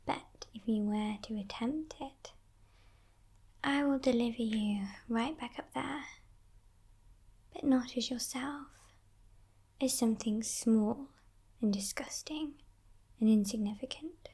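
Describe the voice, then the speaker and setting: In an ASMR roleplay, a woman gives a full character voice to a sly demon kidnapper holding someone captive. She speaks in a breathy, mostly whispered murmur with crackling fry, pitched somewhat high for a woman. Slow and teasing, she sounds condescending, and each coaxing line carries a soft, quiet menace.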